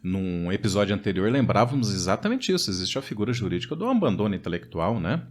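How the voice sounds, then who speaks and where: A man's voice: fairly low pitch, sing-song, fast talker. A Brazilian man co-hosting a storytelling podcast, talking animatedly and turning to address the listeners directly. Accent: Brazilian Portuguese. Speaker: podcast co-host.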